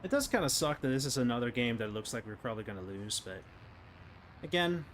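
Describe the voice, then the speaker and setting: A man's voice: medium pitch, big pitch swings, brisk, fairly bright tone. A man streaming a tank battle game live, chatting to viewers and swearing at the game. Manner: swearing, frustrated outbursts at the game. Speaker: gaming streamer. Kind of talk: live gameplay commentary. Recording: faint game noise behind.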